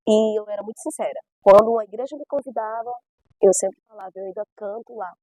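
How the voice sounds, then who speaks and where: A woman's voice: medium pitch, quick pace, dark tone, husky, no room sound, poor audio. A middle-aged woman from Brazil's Northeast, a gospel singer giving her testimony in an emphatic, storytelling way with repeated phrases. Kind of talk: personal testimony.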